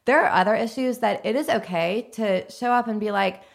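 A woman's voice: medium pitch, brisk, gravelly. A woman speaking as a podcast guest in casual interview conversation, articulate and reflective. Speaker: podcast guest, content creator.

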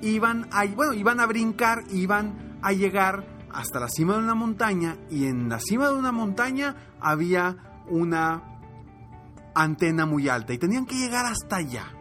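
Brief: animated coach, very high voice, spinning a motivational fable. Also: male voice, normal speed, soft background music. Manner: animated, repetitive storyteller. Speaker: motivational coach and podcast host. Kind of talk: motivational storytelling.

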